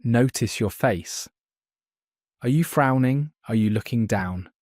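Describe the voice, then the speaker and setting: A man teaching a beginner English lesson, speaking slowly and clearly and giving model phrases for learners to repeat. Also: mid-range voice, darkish tone, no room sound, studio quality. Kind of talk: slow scripted language lesson.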